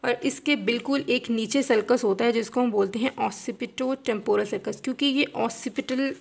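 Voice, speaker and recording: Young female anatomy tutor, fairly high and gravelly, patient, repeats terms. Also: a little slow. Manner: patient, repeats key terms, asks and answers own questions. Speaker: anatomy teacher. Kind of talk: explaining while tracing a diagram.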